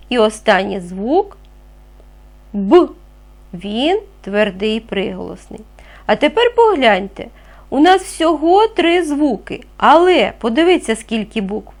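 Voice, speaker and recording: A woman teaching a reading lesson to young children, speaking clearly and patiently, asking them questions as she goes. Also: on the high side. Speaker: primary school teacher.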